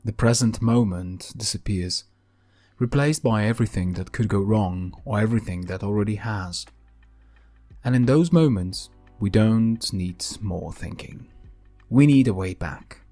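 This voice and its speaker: Calm, gentle man guiding a grounding exercise. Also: fairly low pitch, soft background music. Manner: calm, gentle, unhurried delivery with deliberate pauses. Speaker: podcast host. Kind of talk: calm guided grounding exercise, scripted narration.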